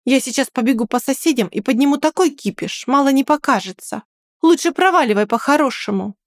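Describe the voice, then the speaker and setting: A woman reading an audiobook and voicing a bold young woman who defends her friend with sharp, threatening words. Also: high voice, lively intonation, fairly quick, no room sound, clean studio sound, voice pushed up. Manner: sharp, threatening, then coaxing.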